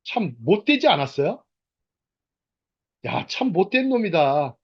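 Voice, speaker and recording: Middle-aged male preacher, high and very lively voice, animated storyteller, slightly dull lo-fi sound. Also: a little slow, slightly rough. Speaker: church lecturer. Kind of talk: sermon-style Bible lecture.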